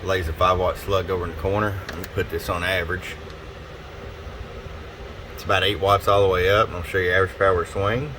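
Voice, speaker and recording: Talking directly to a customer, a radio technician delivers tune-up reports in a casual, folksy, unscripted product demo. His voice is low and fairly quick, broken by long pauses. Steady hum and noise run clearly underneath.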